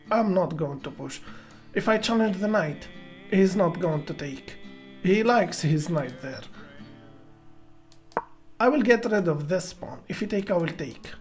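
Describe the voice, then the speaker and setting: A woman streaming chess, greeting viewers by name and thinking aloud about her moves with hesitant restarts. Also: fairly low pitch. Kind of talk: live-streamed chess commentary.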